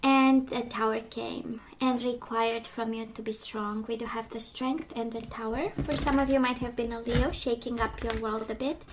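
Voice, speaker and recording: Woman tarot reader, fairly high flat voice, strained from losing it, halting delivery with fillers, steady hiss behind. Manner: hesitant, many ums and restarts. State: losing her voice. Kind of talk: casual tarot reading monologue. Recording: noticeable background noise.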